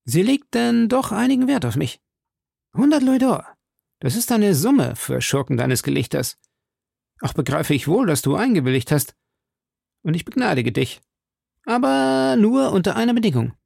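A bold young musketeer who barks his orders and threats with fiery urgency, as a male reader acts him out. The voice is pitched well above the reader's own and carries a gravelly edge. It is recorded close and dry. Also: big pitch swings, normal speed, darkish tone, no room sound, full character voice. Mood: commanding. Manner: commanding, threatening.

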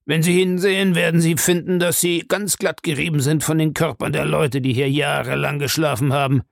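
A cruel old man gloats with slow relish over the torments of the past, as a male audiobook narrator puts him on. His voice sits higher than the narrator's own and has a gravelly crackle. The sound is close and dry, with no room in it. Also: steady tone, dry recording. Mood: gloating. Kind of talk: audiobook character voice.

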